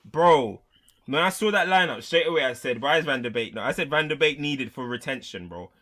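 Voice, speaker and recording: A man's voice: medium pitch, lively intonation, fairly quick, bright, forceful tone. A man with a London roadman accent and slang, speaking emphatically in a heated football fan debate. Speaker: football show panelist.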